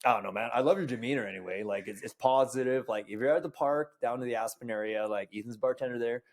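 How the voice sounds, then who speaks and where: A man hosts a relaxed podcast, chatting over beers. He is laid-back, swears freely and fills his talk with likes and ums. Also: mid-range voice, quick pace. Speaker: podcast host. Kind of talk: casual chat. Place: bar or home studio, drinking beer with guest.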